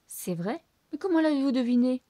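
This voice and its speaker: A woman's voice: sits high, animated, fairly quick, mellow, no echo, voice pushed up. A woman voicing a polite, mild stout male doctor in a storybook reading.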